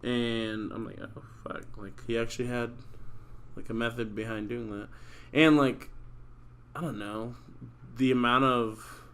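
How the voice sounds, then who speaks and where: A man's voice: medium pitch, fairly even intonation, unhurried, long pauses, fairly bright tone, clean tone. A young man hosting a podcast, rambling casually and swearing often, with lots of fillers like "like". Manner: rambling, profane, heavy use of "like". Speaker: podcast host. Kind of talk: casual chat.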